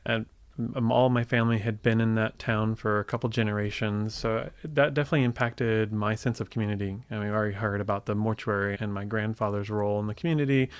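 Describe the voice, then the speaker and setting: A man's voice: fairly low pitch, fast talker, clean tone, dry recording. A man in his forties from Indiana, a tech company co-founder talking reflectively as an interview guest, often restarting his sentences. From Indiana, USA. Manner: relaxed, reflective, many restarts. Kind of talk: conversational interview.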